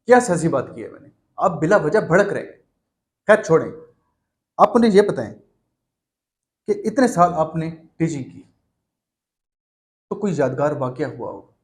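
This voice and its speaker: A man hosting a mock interview in a comedy sketch, speaking in a measured, formal way that turns stern when he scolds his guest. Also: on the high side, lively intonation. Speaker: host.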